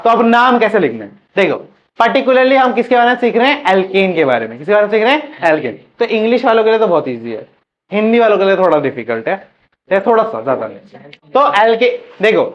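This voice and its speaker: A man teaching a chemistry class, asking questions and repeating the answers for students to drill. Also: high-pitched. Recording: muffled lo-fi classroom recording.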